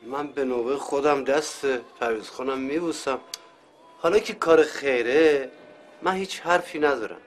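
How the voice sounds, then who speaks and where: An actor playing a humble middle-aged caretaker who speaks politely and deferentially. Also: male voice, medium pitch, a little hiss or hum, lightly acted. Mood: hesitant.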